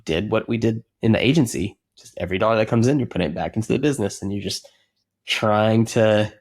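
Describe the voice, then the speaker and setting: A man with a fairly low voice talks as an interview guest about building his company. He is earnest and reflective, often circling back with "you know" and restarting his phrases mid-thought. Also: fast, husky. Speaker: software company co-founder, guest. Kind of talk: casual conversational interview.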